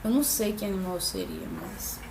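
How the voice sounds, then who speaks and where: A woman's voice: medium pitch, huge pitch swings, brisk. A woman answering tag questions in a casual vlog, playful and jokey, making little sound effects. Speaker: vlogger. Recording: echoey room with faint background noise.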